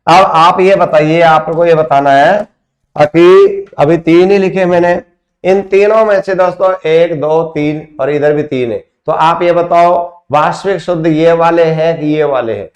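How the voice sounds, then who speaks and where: A man with a somewhat high voice teaches a grammar lesson at the board. He works through examples step by step, calling his students friends and asking them questions he then answers himself. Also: steady tone, measured pace. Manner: explains step by step, asks rhetorical questions.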